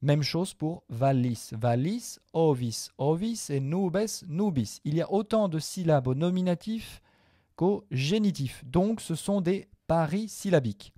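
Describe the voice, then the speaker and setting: Guy teaching latin declensions, patient, slightly high but dark mellow voice, dry close sound. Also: animated, dry recording. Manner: patient, repeats forms slowly with fillers. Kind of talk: explaining grammar to viewers.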